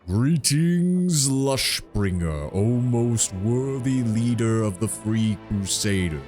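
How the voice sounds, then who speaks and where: A man's voice: medium pitch, expressive, slow pace, darkish tone, faint music behind. A man voicing an ancient, gnarled treant guardian from a fantasy game, grand, formal and ponderous in his oratory. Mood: solemn, pleading. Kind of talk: fantasy game dialogue read aloud.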